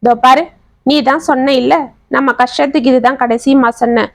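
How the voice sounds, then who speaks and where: A woman voicing a gentle, affectionate old father. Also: high voice, steady tone, normal speed, vocal fry, dry recording. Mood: tender. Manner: soft and affectionate.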